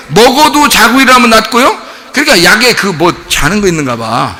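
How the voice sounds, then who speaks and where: A middle-aged male pastor preaching a sermon in a church, telling stories in an animated, humorous way and laughing often. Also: high voice. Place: church sanctuary. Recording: long church-hall reverb.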